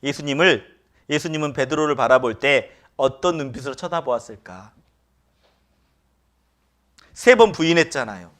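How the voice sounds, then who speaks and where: A man's voice: medium pitch, animated, normal speed, pauses often. A man preaching a sermon as pastor in a church, often asking the congregation rhetorical questions. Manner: acts out quoted lines with sudden loud outbursts.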